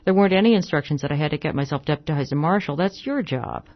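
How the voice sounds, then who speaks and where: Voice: animated, fast, dull audio. A reader voicing an irritable, fussy male hotel agent in a western story reading, in a raised, complaining voice. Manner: higher, louder, complaining.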